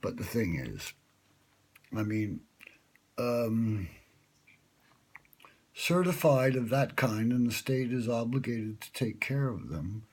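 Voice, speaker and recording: A native English-speaking man, a vlogger pitching a radio show, rambles through a late-night monologue in a wry, self-mocking way full of fillers. His mid-range voice is darkish and slightly rough, very animated yet slow with frequent pauses, recorded on a smartphone held close.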